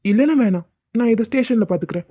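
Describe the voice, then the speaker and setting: A woman voicing an exasperated young husband in an animated comedy, teasing and pleading with his wife. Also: a little high, fast talker, husky, no echo. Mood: coaxing. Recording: tinny phone-like sound.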